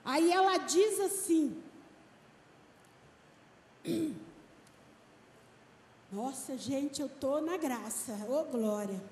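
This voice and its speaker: A woman pastor giving an emphatic sermon, stretching out key words slowly. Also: sits high, expressive, darkish tone, a little hiss or hum. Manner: emphatic preaching, slow and drawn-out stresses. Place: church. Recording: echoey hall with long reverb, faint ambience.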